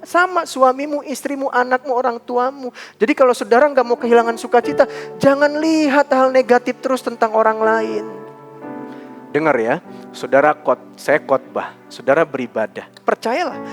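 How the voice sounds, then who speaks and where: A male pastor preaching a lively sermon, calling for responses from the congregation and acting out quoted voices. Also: extremely high pitch. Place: church service.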